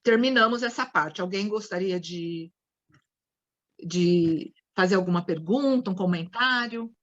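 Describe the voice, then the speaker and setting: A woman's voice: lowish voice, measured pace, a bit bright, dull audio. A Brazilian woman lecturing a study group on psychodrama, explaining with acted-out examples and frequent restarts. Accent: Brazilian Portuguese.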